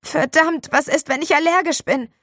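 Teen boy hamming up an injury, shrill and loud, read by a woman. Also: a little slow, dry recording, clean studio sound. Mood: panicked. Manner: loud, exaggerated wailing. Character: teenage boy faking pain, dramatic.

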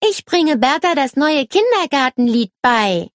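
A woman voicing a little girl in a children's storybook, high and childlike. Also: very animated, moderate pace, fairly bright tone, no echo, clean studio sound, heavily acted. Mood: eager. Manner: high childlike voice, shrill when upset. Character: little girl Nele, indignant and eager.

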